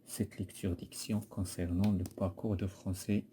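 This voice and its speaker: A man's voice: low-pitched, level tone, a little slow, warm tone, a little hiss or hum. A man with a Moroccan accent, teaching a poetry lesson and patiently repeating and correcting a pupil's answers.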